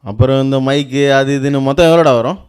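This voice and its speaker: A man playing a gruff, boastful big-brother figure who scolds, in a comedy sketch. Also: medium pitch, fairly even intonation, quick pace, darkish tone, lightly acted. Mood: blustering. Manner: scolding, dismissive, blustering.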